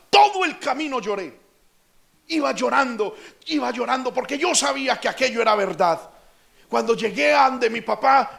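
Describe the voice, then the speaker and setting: A Colombian man preaching a passionate sermon as pastor, building up to shouts. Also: extremely high pitch, vocal fry.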